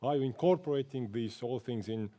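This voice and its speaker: Male judge, dark soft-edged timbre, halting off-the-cuff questioning. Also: medium pitch. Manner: halting, repeats words as he searches. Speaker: pitch judge. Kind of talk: unscripted questioning.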